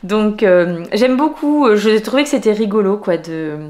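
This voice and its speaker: A woman's voice: medium pitch, expressive, moderate pace, darkish tone. A woman hosting a knitting video podcast, talking casually at home with many fillers and restarts. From France. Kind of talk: casual chat.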